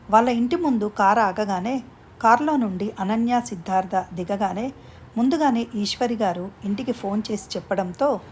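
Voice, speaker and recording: A woman narrates a story in a steady, even voice at a middle pitch. She reads the characters' lines in her own voice rather than doing separate voices. A faint hiss of background noise sits under the recording. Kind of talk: reading a story aloud.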